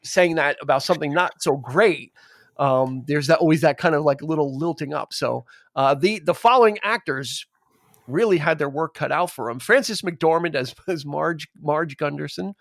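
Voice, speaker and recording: A man co-hosting a podcast in casual chat, rambling and animated, often quoting lines. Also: fairly high pitch, moderate pace, gravelly, dry recording, clean studio sound. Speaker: podcast co-host.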